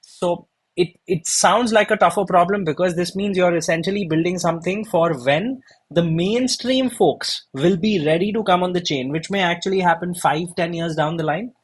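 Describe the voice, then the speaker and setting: A man's voice: high-pitched, normal speed, slightly rough. A man hosting a podcast, asking long, winding interview questions with many restarts. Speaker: podcast host.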